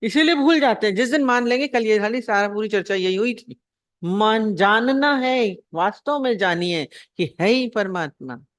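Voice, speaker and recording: A woman spiritual teacher gives a devotional discourse in a mid-range voice, neither high nor low. She keeps asking rhetorical questions and repeating her points, and she acts out little anecdotes as she goes. The sound is dry and close, with no room echo. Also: unhurried.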